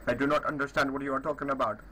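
A man's voice: medium pitch, little pitch movement, very fast, bright, forceful tone, slight background noise, pitched below the performer's own voice, lightly acted. A man playing a boastful, aggressive tough guy in a put-on Indian accent during a prank voice-chat call. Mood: blustering. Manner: aggressive, taunting, bragging.

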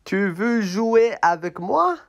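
A man's voice: sits high, big pitch swings, slow pace, vocal fry, voice pushed up, exaggerated voice. [name], a man voicing a pushy toy elephant. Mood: pleading. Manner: insistent, whiny, repeats himself. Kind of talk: slow puppet play for learners.

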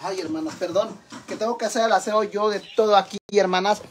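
Loud, swearing Mexican man livestreaming. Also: sits high, a little fast. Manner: loud, chatty, swears freely, keeps addressing fans as sisters. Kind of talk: casual livestream chat. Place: home, indoors, doing chores. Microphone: phone. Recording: noisy phone livestream audio.

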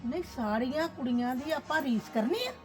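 A woman's voice: high-pitched, expressive, a little fast, soft background music. A woman playing a stern grandmother who scolds and lectures in a family drama. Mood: scolding. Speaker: actor.

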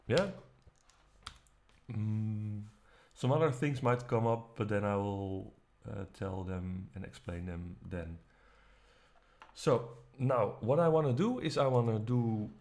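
A man teaching music production, walking through the software step by step in a relaxed, casual way. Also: on the low side, slow pace. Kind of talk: screen-recorded software tutorial. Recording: faint music playing behind. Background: faint music.

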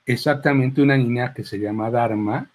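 At a presentation table during a book launch, a clown with a Mexican accent chats into a handheld microphone. His mid-range voice moves at a moderate pace as he rambles informally, tossing in asides and quoted lines.

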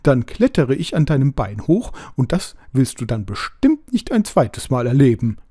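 A man voicing an indignant, bossy owl with a hoarse voice in a storybook reading. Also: mid-range voice, big pitch swings, normal speed, dark tone, no echo, studio quality. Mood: bossy, frantic. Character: furious, soaked, selfish owl. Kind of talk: audiobook character voice.

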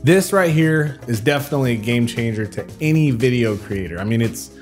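A young man in his twenties talks to camera in a relaxed vlog. His voice is stuffy and nasal while he recovers from an illness. He jokes easily about himself, with faint music underneath. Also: medium pitch, fairly quick. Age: 20s. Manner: chatty, joking, self-deprecating. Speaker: YouTube creator. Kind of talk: casual talking-to-camera vlog.

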